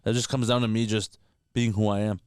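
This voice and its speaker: With clean studio sound and no room echo, a Canadian comedian guesting on a podcast speaks in a smooth, lowish voice and a level tone. The chat is casual, and he's rapid, candid, and profane, swearing freely and leaning heavily on filler words.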